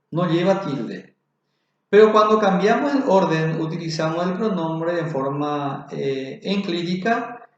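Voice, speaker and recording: Guy teaching a grammar lesson, spells out each example, super echoey room, kinda muffled recording. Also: high-pitched. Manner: slow, deliberate, spelling out examples.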